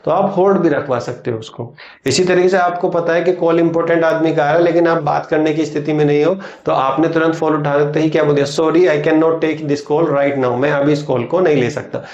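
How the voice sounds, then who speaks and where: A man teaching English phrases for phone calls, pausing to say each example sentence slowly and clearly between chatty explanations. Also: fairly high pitch, steady tone, darkish tone. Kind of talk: explaining phrases in a recorded lesson. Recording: roomy, slightly dull recording.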